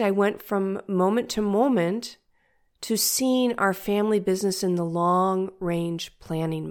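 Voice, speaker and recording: Older female podcast host, nasal and congested, mid-range pitch, measured and instructive delivery for a coaching monologue. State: stuffed-up head from illness.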